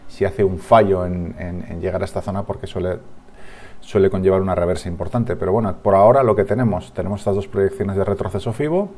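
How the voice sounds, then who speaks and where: A man's voice: low voice, steady tone, fast talker, mellow. A man with a Spanish accent from Spain, giving a market analysis over charts as a trading analyst, thinking aloud with frequent restarts and tag questions.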